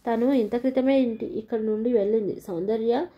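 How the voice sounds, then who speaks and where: A woman voicing a brisk, matter-of-fact woman doctor. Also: on the high side, fairly even intonation, lightly acted. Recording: dull lo-fi recording.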